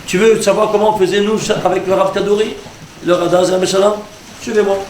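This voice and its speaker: A man, a rabbi, teaching a lively lesson and quizzing his audience. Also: high-pitched, fairly quick, slight background noise. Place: lecture hall with audience. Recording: echoey hall with audience.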